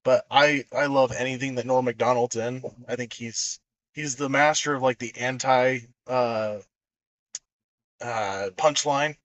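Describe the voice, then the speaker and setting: Easygoing man with a middle-pitched voice. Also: fairly even intonation, a little slow, a bit bright, no room sound, lo-fi sound. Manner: rambling, hesitant with many fillers, acts out movie quotes. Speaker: podcast host. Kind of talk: casual chat.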